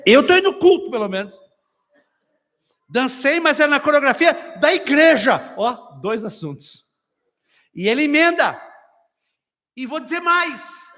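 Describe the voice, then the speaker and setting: Lively, humorous preacher with a high voice. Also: male voice. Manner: lively, humorous, acts out dialogues. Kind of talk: sermon. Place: church hall. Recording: long church hall reverb.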